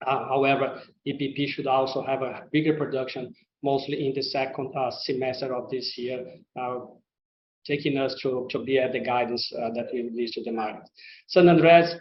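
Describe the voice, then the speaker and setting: A non-native English-speaking executive with a steady, mid-range male voice walks investors through company results on a semi-scripted earnings call. He hesitates and repeats words as he goes, and the audio is roomy and muffled with a faint background noise.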